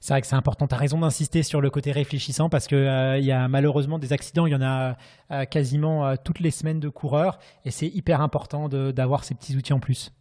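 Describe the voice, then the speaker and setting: Quick-talking man hosting a podcast. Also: mid-range voice, fairly even intonation, dark tone. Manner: chatty, asks questions, gives listener advice. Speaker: podcast host. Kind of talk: casual podcast conversation.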